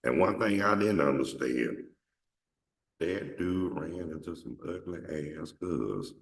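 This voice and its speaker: Taking it slowly yet with lively intonation, a deep-voiced man with vocal fry hosts a show, and a little hiss or hum is audible. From Atlanta, Georgia, he rambles through profane stories with plenty of restarts, the mic distant in an echoey room.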